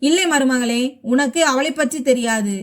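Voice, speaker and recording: A weary old father speaks slowly and gravely in a family storybook, as a woman reads him. He is soft-spoken, worn down, and finally firm. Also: high-pitched. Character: aging father, quiet, finally standing firm.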